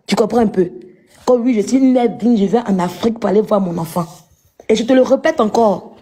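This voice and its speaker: A woman's voice: a little high, dark tone, slightly rough. A woman at home at night, arguing point by point on a live stream and scornfully insulting her rival. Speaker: live-stream clash participant. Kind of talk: heated live-stream argument.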